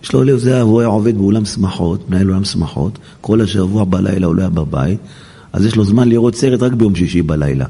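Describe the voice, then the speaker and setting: A man's voice: sits low, creaky, breathy edge. A man, a rabbi, preaching a sermon in a synagogue, acting out prayers and quoted voices. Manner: animated, acts out quotes and prayers.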